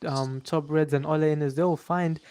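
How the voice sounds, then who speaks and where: A man co-hosting a casual football podcast, chiming in calmly with stats and agreement. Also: a little high, moderate pace, smooth. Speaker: podcast co-host.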